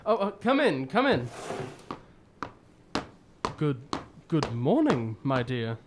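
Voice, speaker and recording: Doctor Watson, animated old gentleman storyteller. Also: mid-range voice, takes it slowly, background noise. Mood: kindly. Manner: avuncular, chuckling, hesitant delivery. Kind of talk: old-time radio drama acting. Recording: music behind the voice.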